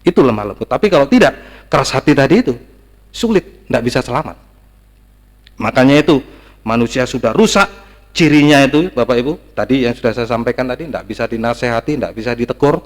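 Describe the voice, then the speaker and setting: A man's voice: mid-range voice, expressive, fast, in a large hall. Emphatic man preaching a sermon. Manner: emphatic, repetitive, rising to stressed peaks.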